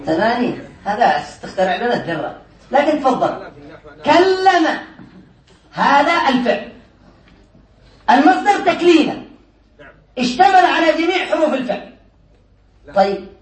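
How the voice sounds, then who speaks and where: High-voiced sheikh teaching in an echoey room. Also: male voice, distant mic. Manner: quizzes students, teasing and playful. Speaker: sheikh teaching Arabic grammar. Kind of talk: classroom lesson. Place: classroom with students.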